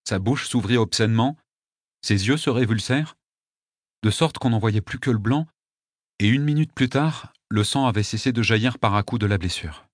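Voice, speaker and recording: A man's voice: fairly low pitch, moderate pace, dry recording. Man reading a story, dry sound. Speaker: audiobook narrator. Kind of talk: scripted narration.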